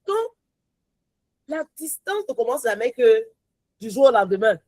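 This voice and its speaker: Femme enjouée et animée, voix plutôt aiguë. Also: female voice, a little slow, dry recording, low-quality recording. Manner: lively, exclamatory, switches into English phrases; rises to joyful near-shouts, drops to soft low asides. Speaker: Bible study teacher. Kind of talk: animated Bible study talk.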